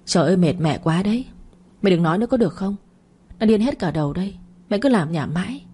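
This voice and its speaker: A woman's voice: medium pitch, lively intonation, fast talker, mellow, breathy edge. A woman doing a callous irritable grown son. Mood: irritated. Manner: dismissive, snapping back.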